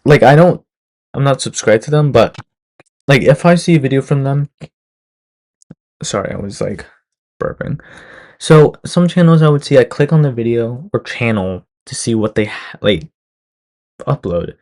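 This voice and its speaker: A man's voice: mid-range voice, lively intonation, normal speed, a little mellow. A young man giving casual reaction commentary over a video, rambling with lots of fillers and restarts. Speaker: reaction streamer.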